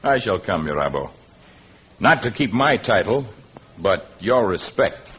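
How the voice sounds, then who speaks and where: An actor playing Tarzan, a proud, skeptical jungle hero, with formal, declamatory diction in an old radio adventure serial. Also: male voice, fairly low pitch, very animated, unhurried, over music. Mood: stern, reluctant. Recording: muffled, hissy vintage radio recording.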